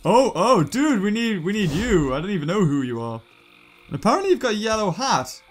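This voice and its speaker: A young British man giving casual gameplay commentary in a goofy, jokey, excitable way. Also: high voice, brisk. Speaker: gaming YouTuber.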